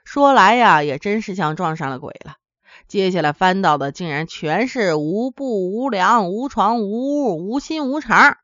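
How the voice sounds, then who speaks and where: A woman's voice: mid-range voice, expressive, measured pace, fairly bright tone, no room sound. A woman from Henan telling a folksy comic tale in a chatty way, speaking directly to her listeners. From Henan, China. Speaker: storyteller. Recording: dull, dry lo-fi recording.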